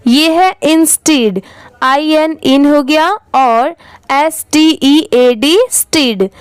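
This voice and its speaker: Woman, high voice, dry close recording, spelling words aloud letter by letter. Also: no room sound, low-quality recording. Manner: spells words letter by letter, then says them slowly. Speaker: English reading teacher. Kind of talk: slow spelling-out reading lesson.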